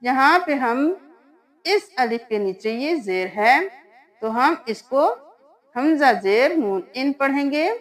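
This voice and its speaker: A woman with a high, light voice and a Pakistani Urdu accent teaches Quran reading. She spells out letters and vowel marks patiently, one step at a time, in a plain lesson style. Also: expressive. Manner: patient step-by-step explaining, then slow drawn-out chanting of verses.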